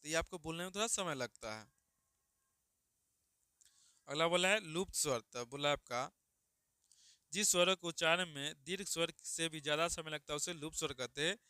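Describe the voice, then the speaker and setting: A man's voice: fairly high pitch, moderate pace, pauses often, bright, forceful tone, clean tone, no echo, clean studio sound. A man teaching grammar online, repeating each question and answer and calling students "babu.". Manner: calls listeners "babu" affectionately. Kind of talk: online exam-prep lesson.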